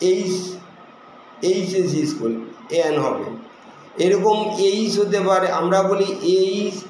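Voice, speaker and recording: Male teacher, high-pitched, methodical, example after example; room echoes heavily. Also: darkish tone. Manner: explains rules step by step with many examples; reads English examples slowly and deliberately. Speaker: English teacher. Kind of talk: spoken English lesson. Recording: very echoey room with faint noise.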